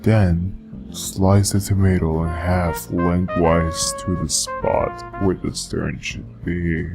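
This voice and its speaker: A muffled, seductive male purr, as a man puts it on, sinking far below an ordinary speaking voice into a deep, gravelly crackle. It creeps along slowly and stays almost level, never lifting or rising. Plucked guitar music plays clearly underneath. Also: level tone, exaggerated voice. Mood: sultry. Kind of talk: scripted how-to reading in a put-on voice.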